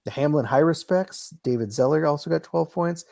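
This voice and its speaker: A man's voice: a little high, fairly quick, gravelly, a little mellow, no room sound. A man hosting a casual soccer podcast, reading out results and introducing a guest in a loose, jokey way. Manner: loose, jokey, a bit crude. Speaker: podcast host.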